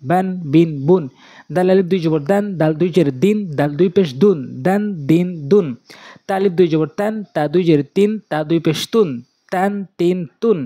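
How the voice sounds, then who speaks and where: A man teaching Quran reading, spelling out syllables in a slow, sing-song drill. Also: high voice, mellow, no room sound.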